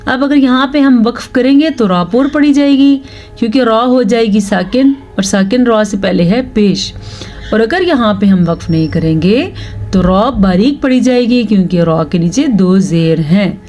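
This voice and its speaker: A woman teaching Quran recitation rules, reciting verses slowly and drawn out, then explaining each rule. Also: on the high side, animated, darkish tone, soft background music. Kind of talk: slow recitation lesson with explanations.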